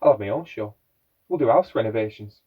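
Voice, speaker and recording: An actor playing a defensive, rambling young shop worker, in a theatrical monologue. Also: male voice, on the low side, animated, brisk, husky. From England. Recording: dull lo-fi sound.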